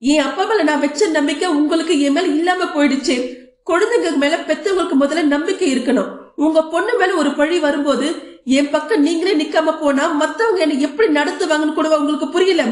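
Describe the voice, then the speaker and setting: A woman's voice: high voice, roomy sound, natural voice. A woman voicing a hurt married daughter who asks her father pleading, reproachful questions in an audio novel.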